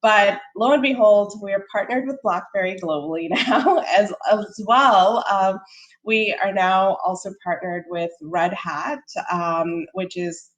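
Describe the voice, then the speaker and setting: A woman's voice: medium pitch, measured pace, low-quality recording. A middle-aged woman, born in Sri Lanka, speaking as a startup co-founder on a panel, friendly and full of ums, with light laughs. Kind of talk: casual panel talk.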